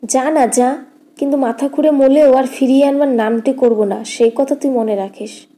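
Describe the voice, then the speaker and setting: A woman voicing a sharp-tongued middle-aged elder sister-in-law who scolds in a raised, scornful tone, read as an audiobook character. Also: high voice, fairly even intonation, normal speed, close to an everyday voice. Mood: scolding.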